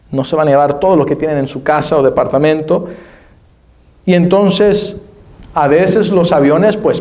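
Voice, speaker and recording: A man preaching a sermon as pastor, explaining scripture slowly and spelling out names and words. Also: a little high, darkish tone. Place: church. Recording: echoey church room.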